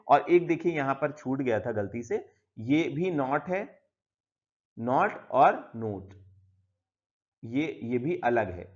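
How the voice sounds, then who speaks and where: A man's voice: medium pitch, a little mellow. A man teaching an English textbook lesson in Hindi with English words mixed in. He goes through it step by step and often says "theek hai". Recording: slightly dull lo-fi audio.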